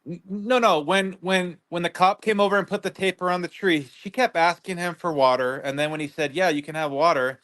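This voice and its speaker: A man guest on a livestream, talking in a rambling, halting way with many restarts. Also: sits high, fairly even intonation, fairly bright tone. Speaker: guest neighbor. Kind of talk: casual livestream interview.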